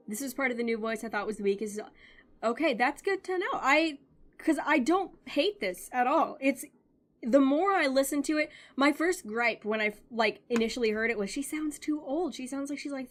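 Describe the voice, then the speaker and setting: Excitable woman game streamer. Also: high voice. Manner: excitable, chatty, quick reactions. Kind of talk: casual live-stream chat.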